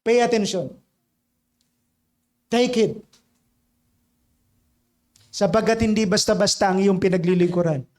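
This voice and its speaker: A male pastor preaching a sermon. He switches between Tagalog and English mid-sentence and swings from loud exhortation to hushed storytelling. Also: sits high, measured pace, pauses often.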